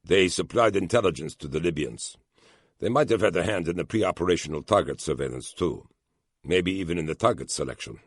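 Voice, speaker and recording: A German intelligence officer, a man who leans in and keeps his voice low and confidential, as a narrator plays him. The voice is extremely deep with a gravelly edge, and it reads as an audiobook thriller scene. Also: expressive, a little fast, no echo, clean studio sound, exaggerated voice. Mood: confiding.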